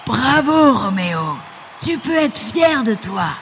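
A woman voicing a male fox announcer in a storybook, shouting results to a crowd. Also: a little high, very animated, slow pace, a little hiss or hum, pitched above the performer's own voice, heavily acted. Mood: bellowing.

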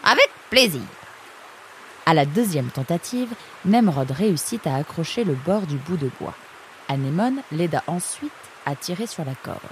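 A woman narrating a children's storybook with an expressive, measured reading. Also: low-pitched, slight background noise.

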